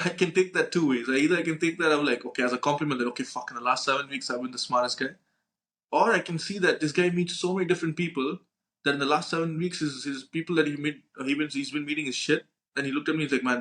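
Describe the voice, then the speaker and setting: A young adult man co-hosts a podcast, telling casual anecdotes packed with slang and swearing, acting out conversations and often tacking on "right?" His voice sits on the high side and is a bit bright.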